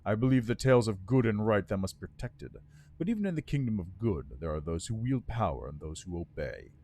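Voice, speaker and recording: A man's voice: fairly low pitch, big pitch swings, a little fast, dark tone, voice pushed down. A man voicing an ancient undead lich from a game, with a dry voice and a pompous, scornful, formal manner. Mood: bitter, scornful. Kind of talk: voiced reading of game dialogue.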